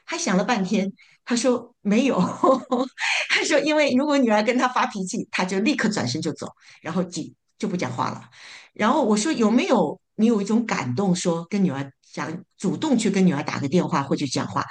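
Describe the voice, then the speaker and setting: A woman summarizing her church small group's discussion in a casual, halting way, with frequent fillers and repeated words. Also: medium pitch, animated. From living in North America.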